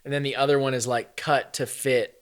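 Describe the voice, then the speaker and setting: A man's voice: mid-range voice, level tone, a little fast, clean tone, no room sound, clean studio sound. A man co-hosting a craft podcast, chatting casually, joking and using loose slang. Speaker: podcast co-host. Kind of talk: casual chat.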